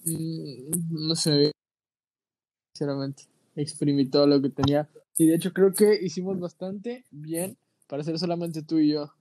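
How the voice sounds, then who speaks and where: A young man with a Mexican accent chats on a podcast in loose slang. He tells stories with energy, acting out what people say. His voice sits a bit high. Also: measured pace, no room sound. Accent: Mexican Spanish. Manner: slangy, animated storytelling. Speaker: podcast co-host. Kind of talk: casual podcast chat.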